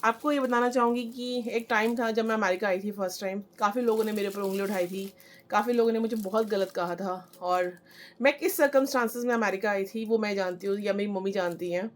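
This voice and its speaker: A young woman chatting through an excited unboxing vlog, mixing in English phrases. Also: medium pitch, fairly quick. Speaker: vlogger.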